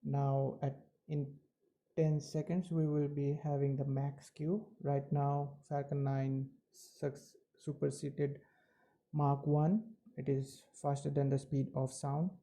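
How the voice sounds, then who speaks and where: Male launch commentator, very mellow dark voice, flat pitch, halting measured technical commentary.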